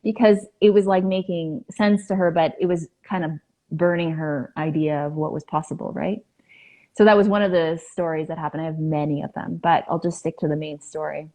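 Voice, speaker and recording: A woman guest on a podcast, telling a personal story in an earnest, halting way with many fillers. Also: deep voice, steady tone, dark tone.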